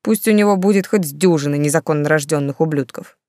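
A woman's voice: deep voice, fast talker, darkish tone, no room sound, studio quality, lightly acted. A woman reading the part of a lazy, sarcastic young count who drawls his words. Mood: sardonic. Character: lazy sardonic young count, fond of wine.

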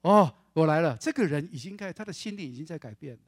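A male pastor, preaching a sermon in a church and lively acting out the quoted words of family members. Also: on the high side, very fast, husky, no echo, clean studio sound. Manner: animated, acts out quoted voices of family members.

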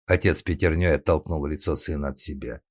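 A man narrating an audiobook in a steady, ironic storytelling manner. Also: extremely low pitch, fairly quick, dry recording, clean studio sound.

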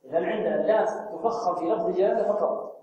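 A man teaching Quran recitation rules, who asks his class questions and then answers them himself and draws out words slowly to show how they are said. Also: sits high, highs cut off, slight background noise. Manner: demonstrates pronunciation slowly and drawn out. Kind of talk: tajweed lesson. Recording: very echoey room, voice far from the mic.

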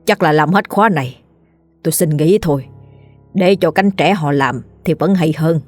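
A woman's voice: low-pitched, normal speed, dry recording, soft background music. A woman doing a worried, modest old villager. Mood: weary.

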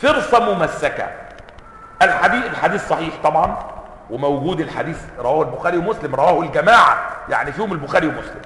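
Egyptian sheikh teaching a class, emphatic quotes, keeps checking the room; high voice, roomy echo. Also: male voice, animated, fast talker, sharp tone. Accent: Egyptian Arabic. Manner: asks students rhetorical checking questions; reads quotations in a raised, emphatic voice. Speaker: sheikh teaching hadith commentary. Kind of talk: classroom lecture reading and explaining a text. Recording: roomy hall reverb.

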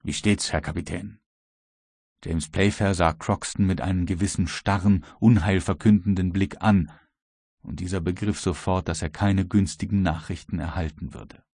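A man narrating an audiobook in a measured storytelling manner, with a husky voice. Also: sits low, steady tone, a little mellow, no echo, clean studio sound. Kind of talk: scripted narration.

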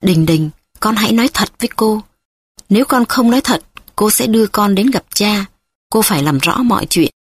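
A woman's voice: mid-range voice, animated, normal speed, breathy edge, dry recording. A woman reading the part of a worried young female tutor who presses a child with urgent questions, in an audiobook.

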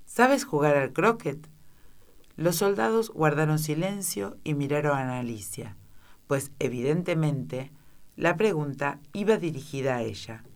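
A woman narrating a children's classic as an audiobook, with expressive storytelling. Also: low voice, unhurried. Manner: expressive storytelling, shifting into character voices. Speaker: audiobook reader.

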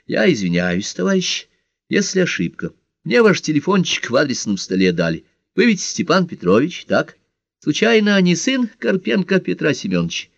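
A man's voice: a little high, wildly swooping pitch, normal speed, vocal fry, dry recording, voice pushed up, heavily acted. A man voicing a polite, slightly embarrassed middle-aged man making a phone call in an audiobook. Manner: polite, apologetic.

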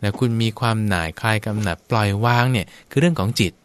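A man's voice: lowish voice, fast, clear, resonant tone. A man, a Buddhist monk, patiently explaining teachings in a radio Dharma talk. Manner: calm, patient explaining, acts out quoted people.

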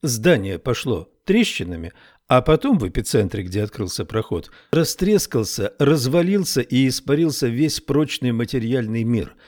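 A man narrating an audiobook in a measured, even reading voice. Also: mid-range voice. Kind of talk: scripted narration.

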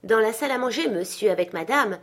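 A woman's voice: fairly high pitch, lively intonation, fast talker, a bit bright, voice pushed up. A woman voicing a polite young housemaid in a storybook reading.

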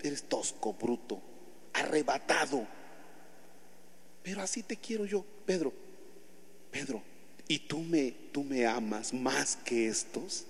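A man voicing Jesus as a gentle, patient figure who calms a disciple in a coaxing tone. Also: fairly high pitch, measured pace, hardly any pauses, heavily acted. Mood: tender. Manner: soothing, coaxing. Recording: long church reverb.

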